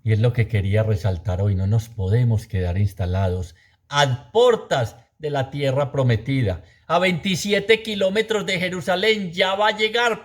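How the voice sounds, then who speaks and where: Man preaching with emphatic repetition. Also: fairly high pitch. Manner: emphatic, repeats phrases, rhetorical questions to the audience. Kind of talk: sermon.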